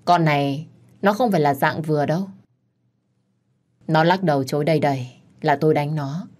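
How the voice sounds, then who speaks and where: A woman narrating a dramatic first-person story in an indignant, expressive way. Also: low-pitched, normal speed.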